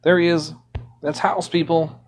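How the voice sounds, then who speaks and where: Male game streamer, casual and indignant, a bit higher-pitched than most men. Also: flat delivery, measured pace, a little hiss or hum. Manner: ranting, indignant. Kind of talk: casual live-stream commentary.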